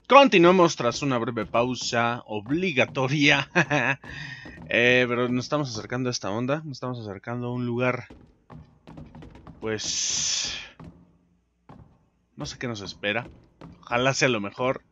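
A man with a Mexican Spanish accent giving live gameplay commentary, excitable and swearing a lot, yelling during fights. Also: mid-range voice, measured pace, pauses often, muffled recording. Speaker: gaming video host. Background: game music.

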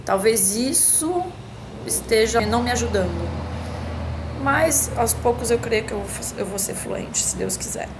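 A woman's voice: fairly high pitch, lively intonation, measured pace, noisy background. A woman from Brazil talking casually to camera at home, chatty and hesitant, with many restarts and fillers. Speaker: vlogger answering a tag.

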